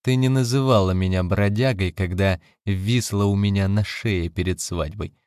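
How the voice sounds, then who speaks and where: A man reading an audiobook, voicing a bitter, bewildered husband who answers gruffly and sarcastically. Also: lowish voice, steady tone, moderate pace, a little mellow, dry recording, studio quality, natural voice. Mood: sarcastic.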